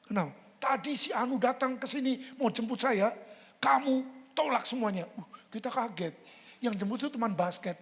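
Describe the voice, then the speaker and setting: A pastor in his sixties from Indonesia, preaching a sermon in a church and telling a family story in a lively way, often laughing and acting out what people said. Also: mid-range voice. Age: 60s. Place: church sanctuary. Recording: long hall reverb in a church.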